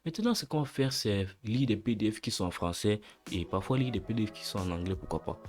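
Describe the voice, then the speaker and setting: A young man hosting a casual coding tutorial, relaxed and slangy, talking through each step aloud and correcting himself as he goes. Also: lowish voice, fast, soft background music.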